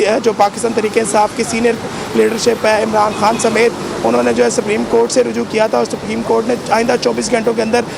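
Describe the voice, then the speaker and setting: Standing outdoors by a noisy street full of traffic, a Pakistani man works as a field reporter, rambling live with plenty of fillers despite a sore throat. His voice sits high and sounds creaky.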